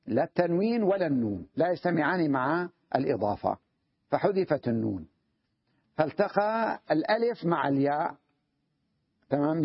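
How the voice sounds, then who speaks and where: Husky male grammar teacher, lo-fi. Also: on the high side, no echo. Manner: repeats key phrases slowly, checks understanding with questions. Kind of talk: classroom grammar lesson. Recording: dull lo-fi dry recording.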